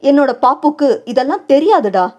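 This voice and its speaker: An earnest young man, protective and gently consoling, as a woman narrator acts him out in an audio novel. The voice is her own, a little high, in plain speech. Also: big pitch swings, fairly quick.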